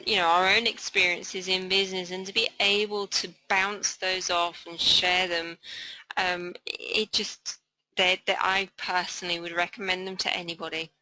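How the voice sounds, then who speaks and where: A woman's voice: fairly low pitch, flat delivery, moderate pace, sharp tone, low-quality recording. A woman hosting an interview, affirming and encouraging her guest in a casual conversation. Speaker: interview host.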